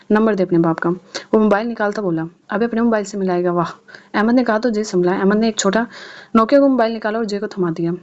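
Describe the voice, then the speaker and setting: A woman's voice: mid-range voice, darkish tone, lo-fi sound. A woman narrating an audio novel, reading each character's lines in her own voice. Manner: reads all characters' dialogue in her own voice.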